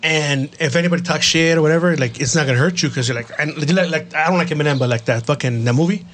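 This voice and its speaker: A man's voice: fairly high pitch, quick pace, fairly bright tone, a little hiss or hum. A man chatting casually in a group, blunt, slangy and profane, often putting himself down and repeating himself.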